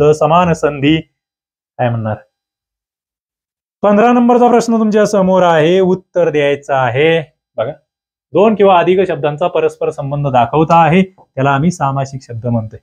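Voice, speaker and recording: A man's voice: on the high side, darkish tone. A man teaching an exam-prep grammar lesson, reading out test questions and options and explaining each answer, with sudden jumps in emphasis and many fillers. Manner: fillers like "bagha" and "a", and self-corrections.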